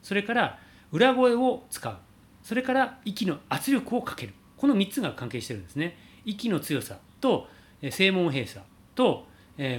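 A man teaching singing, calmly answering a viewer's question about high notes and showing sung slides. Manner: explains calmly, demonstrates sliding sung vowels.

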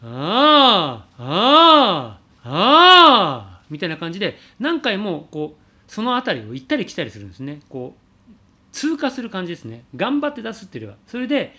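Man, voice coach, bright tone, lively pitch, calm explanations, sung slides. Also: fast. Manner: explains calmly, demonstrates sliding sung vowels. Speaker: voice teacher. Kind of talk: answering a viewer question.

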